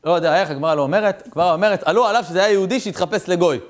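Animated high-voiced man preaching. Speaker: rabbi. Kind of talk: storytelling sermon.

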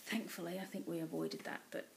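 A woman from England in her thirties, a cross-stitch vlogger, talks quickly and casually in a small home room, filling her rambling with ums. Her voice sits on the low side with vocal fry and fairly even intonation, picked up close by a built-in webcam mic with slight hiss or hum.

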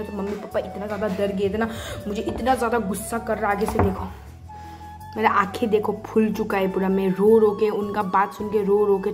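A woman's voice: medium pitch, a little mellow. A young woman from India chatting casually to her vlog audience, chatty and playful. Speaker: vlogger.

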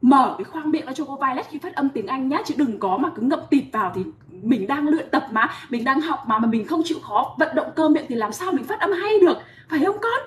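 A woman's voice: sits high, lively intonation, fairly quick, few pauses, far from the mic. A woman teaching English pronunciation to children, encouraging and repeating sounds for them to copy. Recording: echoey room with faint noise.

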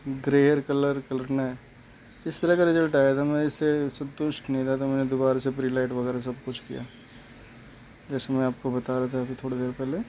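Guy doing a hair color tutorial, very flat delivery, soft dark voice. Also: medium pitch, a little fast, slight background noise. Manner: plain, explanatory, repeats steps. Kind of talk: step-by-step salon tutorial narration.

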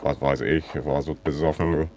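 A man acts out a persistent drinking buddy making a prank call over the phone. The voice is low, the delivery deadpan and overfamiliar, as if chatting with an old pal. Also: moderate pace. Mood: chummy, insistent. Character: chummy male drinking buddy, slow and persistent. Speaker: prank caller.

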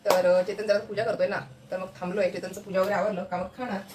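A woman hosts a casual family vlog from her home kitchen, speaking straight to the people watching. She talks fast and keeps up a chatty run of words, filling the gaps with fillers as she goes. Her phone picks up a clear layer of household noise all around her. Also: mid-range voice, little pitch movement. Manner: chatty, addresses viewers directly, many fillers. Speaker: family vlogger. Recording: noisy home ambience.

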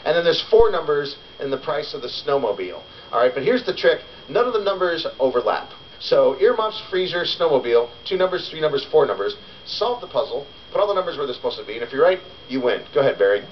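A man's voice: on the high side, big pitch swings, fast, few pauses, slight background noise. A man hosting a television game show in a studio, joking with contestants and explaining the rules step by step. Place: television studio with live audience. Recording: muffled TV broadcast with music and crowd. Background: studio audience and show music.

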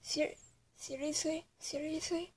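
A woman performing an improvised toy skit, voicing every part herself and switching quickly between characters with playful exclamations. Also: high-pitched, fairly even intonation, darkish tone, slight background noise.

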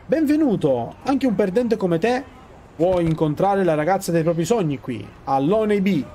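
A man's voice: high voice, lively intonation, moderate pace, mellow, slight background noise. A man reading aloud the lines of a smug male club doorman in a video game, delivered as mocking sales patter.

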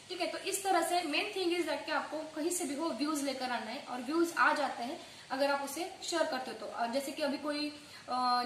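Woman tutorial host, quick casual patter with English phrases mixed in, high voice, roomy echo. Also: a bit bright. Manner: fast-talking, mixing English phrases into her speech. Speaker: online earning tutorial host. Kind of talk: casual tutorial talk to viewers. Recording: echoey room with faint background noise.

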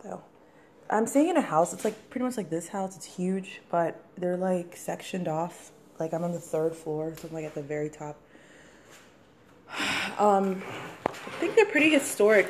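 A young woman from the Washington DC area walks room to room through her apartment for a casual house tour vlog, shot on a handheld phone camera, rambling and saying "like" a lot. Her voice sits fairly low and sounds a little mellow, with a slight hiss or hum in the background.

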